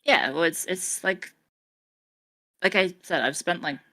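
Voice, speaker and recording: A woman's voice: fairly low pitch, measured pace, pushed and bright. A woman with a mixed, slightly English accent, chatting on a stream in a dry, wry way. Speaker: guest streamer. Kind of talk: casual stream chat.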